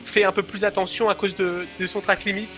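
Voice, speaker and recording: A man's voice: sits high, flat delivery, brisk, sharp tone, soft background music. A man giving live play-by-play as a motorsport commentator on a motorcycle racing game.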